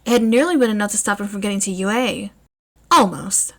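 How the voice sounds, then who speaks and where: A woman narrating a fanfiction story in an expressive, measured reading. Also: mid-range voice.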